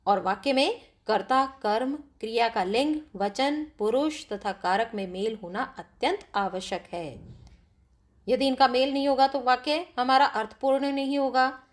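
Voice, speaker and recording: A woman's voice: sits high, unhurried. A woman teacher explaining grammar to pupils step by step, often asking them questions. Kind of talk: classroom grammar lesson.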